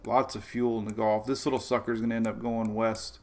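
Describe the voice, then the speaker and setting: On his live-streamed weather show, a male host reads the chat, chats casually about the tropics, greets viewers by name, and laughs a lot. His voice sits lowish and is a little mellow, with a level tone and a fairly quick pace.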